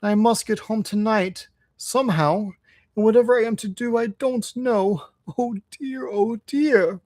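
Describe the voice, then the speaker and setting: High-pitched tearful washerwoman played by a man, storybook toad in disguise, wailing, pleading, self-pitying. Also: unhurried, darkish tone, no echo. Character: sobbing toad posing as a poor old washerwoman.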